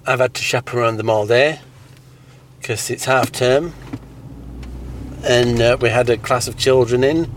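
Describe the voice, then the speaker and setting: A man's voice: medium pitch, a little slow, long pauses. Snobbish man outdoors in traffic. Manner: snobbish, sneering, deadpan. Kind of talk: comedic improvised chat.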